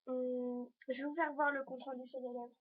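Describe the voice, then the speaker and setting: A teenage vlogger talks to her viewers while showing items in an easygoing fashion vlog, rambling and hesitating along the way. Her voice is high and level in tone at normal speed, in a dull lo-fi home video recording.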